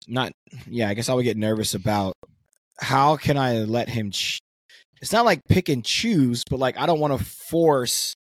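A man's voice: mid-range voice, no echo. A young man co-hosting a casual podcast, asking searching questions and hedging often as he talks. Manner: animated, asks searching questions, hedges with "like" and "I guess". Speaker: podcast co-host.

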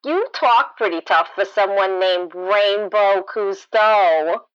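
A woman's voice: medium pitch, takes it slowly, dry recording, natural voice. An actress playing a wisecracking female prison inmate who talks in dry, sarcastic quips. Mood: wry. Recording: slightly dull, lo-fi sound.

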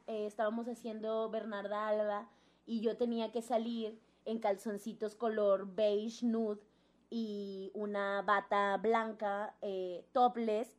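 A young woman with a Mexican accent, telling a personal story in casual chat and acting out the voices of the people in it. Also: medium pitch. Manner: animated storytelling, acts out quoted voices.

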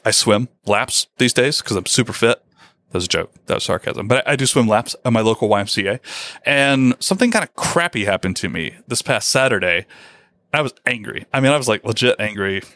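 A male podcast host talking candidly, with a lively voice that swings up and down a lot. His self-deprecating, chatty manner comes through a dry, close mic. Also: medium pitch, fairly quick, no echo. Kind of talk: casual podcast chat.

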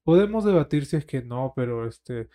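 A man's voice: mid-range voice, animated, moderate pace, warm tone. A man co-hosting a casual podcast chat, talking bluntly with lots of slang and mocking asides.

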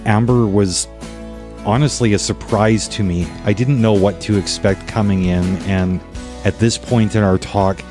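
A man's voice: fairly low pitch, steady tone, unhurried. A man hosting the show, giving an earnest, openly emotional reflection as a voice-over. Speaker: podcast host. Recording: voice-over with guitar music underneath.

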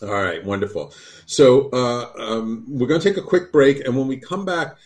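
A man hosting a live talk radio show, speaking in a relaxed way with plenty of ums and restarts. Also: medium pitch, moderate pace. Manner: relaxed, hesitant fillers.

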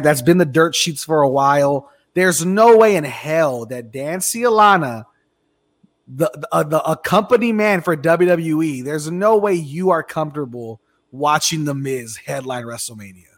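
An American man with a fairly high voice hosts a talk radio show. He speaks in a casual, animated sports-talk style with plenty of emphasis.

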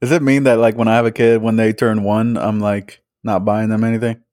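A man's voice: fairly low pitch, flat delivery, fairly quick, a little mellow, no room sound, studio quality. A man chatting casually on a podcast, laid-back, asking questions and teasing. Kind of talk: casual chat.

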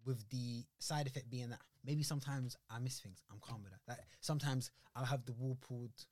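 A young man chats in a London roadman accent, full of casual street slang. His pitch is average for a man. The sound is dry, with no room echo. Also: fairly even intonation, brisk, darkish tone. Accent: London, urban street slang. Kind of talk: casual slangy chat between friends.

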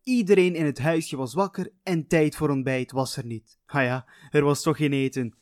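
Playful fairy-tale storyteller. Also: male voice, a little high, normal speed, a little mellow, no echo, studio quality. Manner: playful, chatty, talks to the listener.

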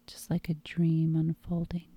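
A woman leads guided hypnosis in a very dark, mellow, breathy voice that often sinks toward a whisper. Her delivery is calm and meditative, drawn out at an unhurried, slow pace. The sound is dry and close. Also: deep voice, no echo.

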